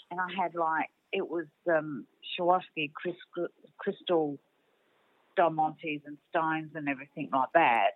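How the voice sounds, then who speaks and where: A woman's voice: on the low side, no room sound. An older woman from Australia, a guest telling rambling stories in a casual chat over the phone. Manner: rambling storyteller. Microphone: phone call. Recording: dry tinny phone line.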